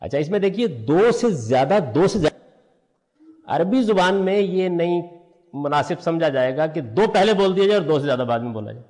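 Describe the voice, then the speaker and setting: A man's voice: on the high side, lively intonation, a little mellow. Older man lecturing in a reverberant room. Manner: explanatory, asks and answers his own questions. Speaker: religious scholar teaching. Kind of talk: lecture on Quranic language.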